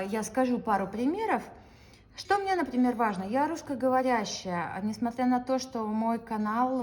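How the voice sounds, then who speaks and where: A YouTube channel host guides her viewers through a goal-setting practice, addressing them directly with frequent hesitant fillers. Her voice is fairly high-pitched with a darkish tone.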